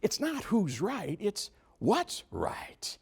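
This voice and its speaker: A man's voice: sits high, drawn-out words, creaky, breathy edge. A man giving a motivational talk at a business meeting, asking the audience questions and acting out quotes. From New York. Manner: animated, asks the audience questions, acts out quotes. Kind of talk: motivational speech.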